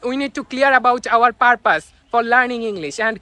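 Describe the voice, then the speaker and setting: A man's voice: very high voice, normal speed, bright, forceful tone, no room sound. A young man whose first language is Bengali, speaking English to camera outdoors in an earnest motivational talk, with many fillers and restarts. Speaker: English teaching YouTuber. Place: outdoors among onlookers.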